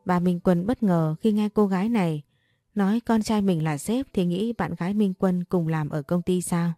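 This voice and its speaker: A woman tells a first-person story in a mellow, dark-toned voice, speaking a little low. She reads all the characters' lines in her own voice. The recording is close and dry, with faint music underneath. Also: normal speed, no echo.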